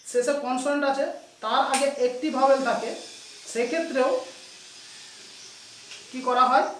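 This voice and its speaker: A man's voice: very high voice, fairly bright tone, a little hiss or hum. A male teacher giving a classroom grammar lesson, spelling words out letter by letter and often checking in with "okay?". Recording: echoey room, voice from far off.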